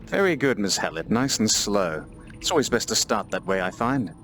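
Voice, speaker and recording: A man's voice: on the low side, sing-song, moderate pace, fairly bright tone, faint music behind. A man playing a pompous starship captain in comedic in-character gameplay, with theatrical diction. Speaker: player voicing a starship captain.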